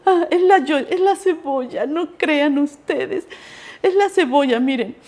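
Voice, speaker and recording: A woman's voice: high-pitched, very animated, slow, darkish tone, pitched above the performer's own voice, full character voice. A woman voicing her strict older female drama teacher, speaking emphatically. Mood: moved, joking.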